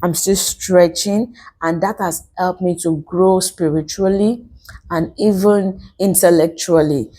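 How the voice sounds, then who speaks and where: Low, mellow-voiced woman giving earnest testimony. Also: fairly even intonation, measured pace. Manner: earnest and devout, repeats phrases for emphasis. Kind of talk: personal testimony vlog to camera.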